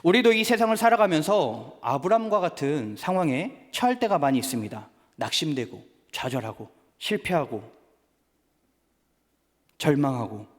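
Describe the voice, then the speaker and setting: A man pastor preaching a sermon at a church service, animated and acting out family conversations. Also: high voice. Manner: animated, acts out family dialogues. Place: church sanctuary. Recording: reverberant church hall.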